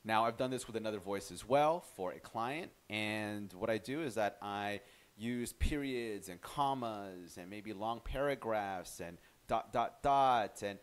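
A man with a fairly low voice walks viewers through a software tutorial. He is chatty and relaxed, often trailing off and restarting his sentences. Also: a little slow, clear, resonant tone. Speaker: tutorial host. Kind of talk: casual screen-recorded software tutorial.

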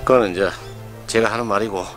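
A real estate channel host with a broad Gyeongsang dialect from South Korea gives a casual, folksy tour of rural farmland outdoors, chatting to viewers as he points things out. He talks fast in a fairly low, fairly even voice, with background music playing.

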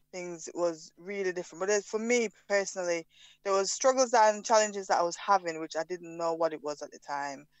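Interview guest: Jamaican woman in her thirties, smooth resonant voice, dry sound. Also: on the low side, no echo, poor audio. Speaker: podcast guest. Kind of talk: casual interview.

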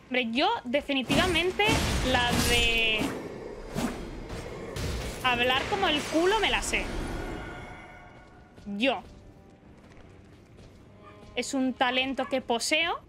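Chatty young woman streamer, high voice. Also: expressive, drawn-out words, long pauses, sharp tone, soft background music. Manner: chatty, reads chat aloud, rambling. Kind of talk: casual chat while gaming.

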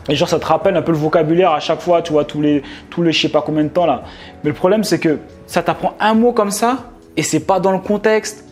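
Young man, casual slangy advice, lots of fillers, slightly high voice, faint background music. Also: a little mellow. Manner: slangy, informal, many fillers and restarts. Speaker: online business vlogger. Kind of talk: casual advice talk to camera.

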